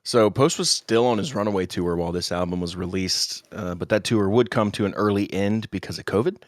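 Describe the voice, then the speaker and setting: A man's voice: lowish voice, fairly quick, no echo, studio quality. A man co-hosting a music podcast, steadily recounting his research notes in casual chat. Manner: steady recounting, with short agreeing interjections. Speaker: podcast co-host.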